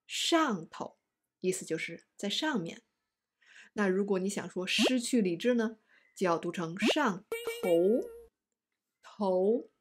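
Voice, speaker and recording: A woman teaching an online language lesson, explaining words slowly and stressing each example. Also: mid-range voice, slight background noise.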